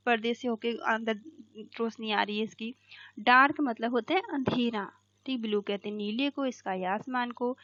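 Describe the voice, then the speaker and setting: A woman's voice: fairly high pitch, a bit bright, dry recording. Woman teacher explaining an English poem in Hindi. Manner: slow, repeats "theek hai" and reads English lines slowly. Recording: dull, dry lo-fi recording.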